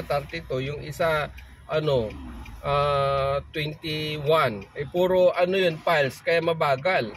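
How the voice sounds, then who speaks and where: A man with a notably high voice chats casually inside a car. He tells a long work story with animation and mixes languages freely. Faint engine and road noise sits behind him. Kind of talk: casual chat.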